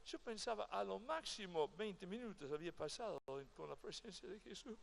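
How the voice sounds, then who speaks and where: A male pastor preaching a sermon at a convention with emotional delivery that swings from loud to hushed. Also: high voice, lively intonation, normal speed, creaky, slight background noise. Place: convention event.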